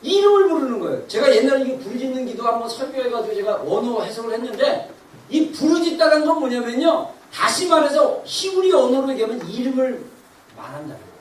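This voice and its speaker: Fervent preacher, high and animated, heard from afar in a reverberant church. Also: fairly quick, a little hiss or hum. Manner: impassioned, rising to near-shouting. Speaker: pastor. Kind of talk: sermon. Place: church sanctuary. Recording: very echoey hall, distant mic.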